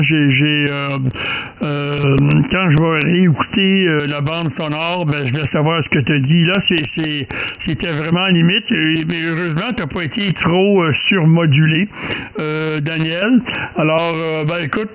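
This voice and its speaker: Bright and on the high side, this man's voice carries a Quebec French accent as he leads a ham radio group contact. He chats loosely, hesitating and repeating himself frequently, and the amateur radio audio is clearly noisy and full of clicks.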